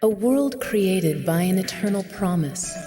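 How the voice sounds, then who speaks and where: A young woman reading a game's intro narration aloud in a grave, measured way. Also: mid-range voice, expressive, dark tone. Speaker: player reading game text aloud. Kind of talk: solemn narration of a game intro. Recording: game music playing behind.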